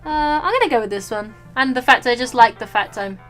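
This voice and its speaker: A woman's voice: a little high, animated, a little fast, a bit bright, soft background music. A woman hosting a gaming video, reading game text aloud with casual, playful and jokey commentary. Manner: playful, jokey, breaks into silly asides.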